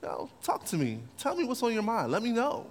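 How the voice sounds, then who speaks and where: A man's voice: very high-pitched, huge pitch swings, fairly quick, pitched above the performer's own voice, exaggerated voice. A man playing a gushing, outraged king. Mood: coaxing. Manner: gushing, exclaiming, repeats himself. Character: excitable doting male ancient king, quick to outrage. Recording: long hall reverb.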